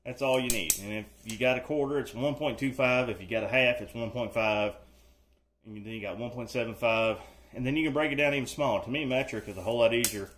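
Talking fast in a mid-range, fairly bright voice, a DIY host jokes and reassures viewers in a folksy way. He's working on a floor indoors in a room being renovated, recorded through the camera mic.

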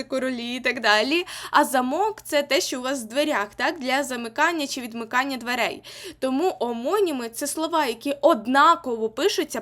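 Young female teacher with a Ukrainian accent, high voice, patient and repetitive, exam-prep lesson. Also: fairly bright tone. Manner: explains patiently, repeats key points, asks "так?".

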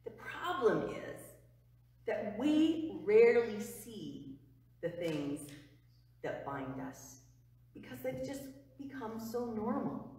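A middle-aged woman pastor preaches in a slow, unhurried way, her slightly high voice earnest and emphatic, sinking to a hush on key phrases. She is picked up by a far camera mic in a church sanctuary, with long, echoing reverb around her. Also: big pitch swings. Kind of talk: sermon. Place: church sanctuary before the altar.

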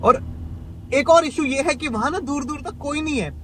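In this clip a travel vlogger narrates his own trip in a chatty, thinking-aloud style, dropping English words into his speech. His voice is extremely high and moves at a normal speed. Music plays beneath him, with slight background noise.

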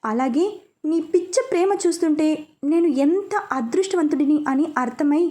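A woman voicing a hot-tempered, possessive young man in love, who talks in sharp, scolding questions. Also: high-pitched, moderate pace, close to an everyday voice. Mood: heated.

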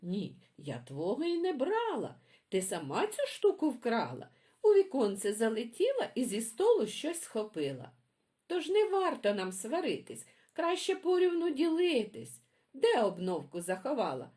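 Жінка озвучує хитру сороку, яка високим голосом заперечує крадіжку. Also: female voice, huge pitch swings, unhurried, dark tone. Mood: defensive. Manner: defensive, high. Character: sly female magpie denying theft.

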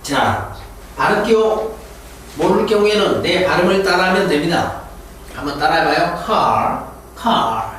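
A man teaching an English lesson, drilling pronunciation and having students repeat words slowly after him. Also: high voice, lively intonation, a bit bright, recorded from a distance. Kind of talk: classroom lecture with pronunciation drills. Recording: echoey room, voice from afar, faint hiss.

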